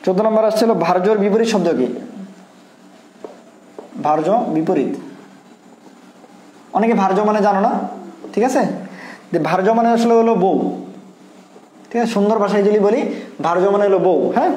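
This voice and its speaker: A man with a high, quick voice goes through test questions one by one. He repeats key points and keeps asking whether his students follow. The sound carries noticeable room echo. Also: mellow. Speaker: admission test tutor. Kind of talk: exam answer walkthrough.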